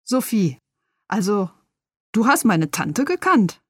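A woman's voice: mid-range voice, big pitch swings, slow, breathy edge, no room sound, studio quality, full character voice. A woman reading as a wary city woman. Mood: earnest. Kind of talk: read-aloud novel dialogue.

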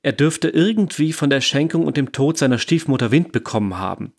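A man's voice: medium pitch, animated, brisk, gravelly. A man co-hosting a true-crime podcast, reading his part of the script in a plain, matter-of-fact way. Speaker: podcast co-host.

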